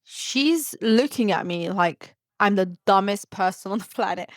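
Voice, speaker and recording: A young woman tells a story in a casual, lively way, acting out the people she quotes with wide swings in pitch. Her voice sits at a middle pitch, recorded close and dry with no room sound. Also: measured pace, no room sound. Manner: animated, acts out quoted dialogue. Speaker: podcast host, nurse.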